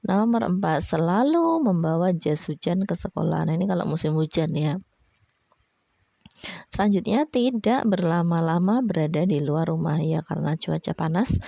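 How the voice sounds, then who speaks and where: A woman's voice: lowish voice, normal speed, creaky, warm tone, no room sound. A woman primary school teacher, patiently explaining a lesson to children and ending her phrases with a friendly "ya". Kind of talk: online class lesson.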